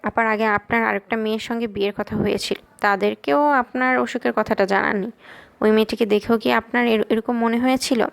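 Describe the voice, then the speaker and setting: A woman's voice: on the high side, steady tone, brisk, creaky, clear, resonant tone. A woman reading the lines of a frank, questioning teenage girl in an audiobook. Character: blunt teenage girl, sharp and protective.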